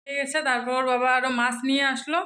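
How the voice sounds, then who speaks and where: A woman's voice: high-pitched, flat delivery, fast. Chatty Bengali mother vlogging chores. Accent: Bengali, colloquial North Bengal. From North Bengal, India. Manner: chatty, talks to viewers directly; speaks softly at times so a sleeping child stays asleep. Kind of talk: casual narration of chores. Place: home kitchen and rooms, indoors.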